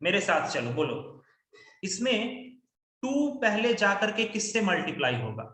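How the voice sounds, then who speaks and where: A man's voice: high-pitched, big pitch swings, unhurried, bright, forceful tone, roomy sound. A man teaching maths in an online class, coaxing his students to call out answers.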